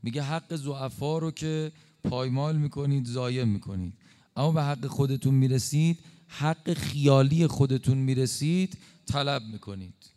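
A male preacher giving an impassioned sermon, slowing for emphatic stresses and dropping suddenly quiet. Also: medium pitch. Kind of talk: religious sermon.

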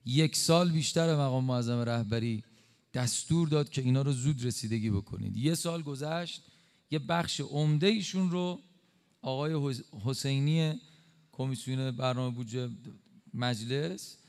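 A male preacher giving an impassioned sermon, slowing for emphatic stresses and dropping suddenly quiet. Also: medium pitch, smooth. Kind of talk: religious sermon.

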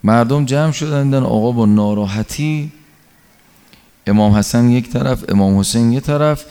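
A man's voice: medium pitch, dark tone, clear, resonant tone. A male preacher telling stories in a sermon, shifting between narration and acted quotes. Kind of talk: sermon storytelling. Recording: long hall reverb.

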